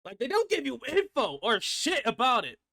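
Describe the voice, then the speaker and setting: Bright lively man rambling about a game. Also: extremely high pitch, moderate pace. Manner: rambling, restarts often, swears casually. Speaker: gaming channel host. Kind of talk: casual gameplay commentary.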